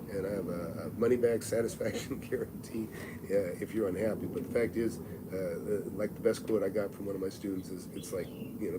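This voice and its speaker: A real estate mentor in his sixties hosts a live advice stream, his voice on the low side with background noise present. He talks in a blunt, folksy, salesy way and often restarts his sentences.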